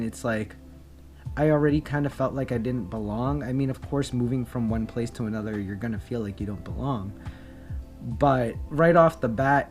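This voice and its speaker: A man's voice: medium pitch, darkish tone. A young man telling a candid personal story, reflective and earnest, with many fillers and restarts. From Philippines. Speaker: vlogger.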